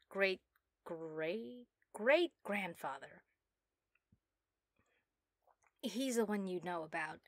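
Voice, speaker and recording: A woman voicing a proud, giddy young mad scientist obsessed with her work, theatrical and self-satisfied, in a soft ASMR role-play. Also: lowish voice, no echo, clean studio sound, lightly acted. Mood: earnest, fervent.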